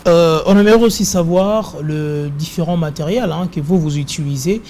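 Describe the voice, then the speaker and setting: A woman host with a Congolese French accent and a lowish, mellow voice. She puts probing questions in a mix of French and Lingala, over a faint hiss of background noise. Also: moderate pace. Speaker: arts show host. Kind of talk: interview questions.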